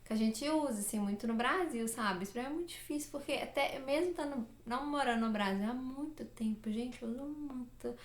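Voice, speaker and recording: Young female vlogger with a Minas Gerais accent, talkative and rambling, a bit high-voiced, in an echoey room. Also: a little fast, few pauses. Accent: Minas Gerais Brazilian Portuguese. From Minas Gerais, Brazil. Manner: chatty, rambling, many fillers and self-corrections. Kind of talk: casual chat to camera.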